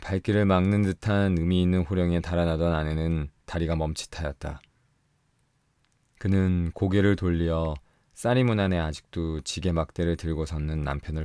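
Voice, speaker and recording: A man narrating an audiobook for sleep in a calm, soft storytelling voice. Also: low-pitched, smooth, no room sound. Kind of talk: bedtime audiobook reading.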